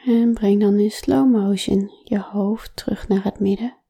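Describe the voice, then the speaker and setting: A woman talks softly and calmly, slipping into a whisper for much of the exercise. Her tone is very dark and mellow, and she unhurriedly leads listeners through gentle body-awareness instructions. Her words come at a very slow, measured pace. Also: medium pitch, gravelly, slightly rough. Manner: soft, calm, often whispering. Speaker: relaxation guide.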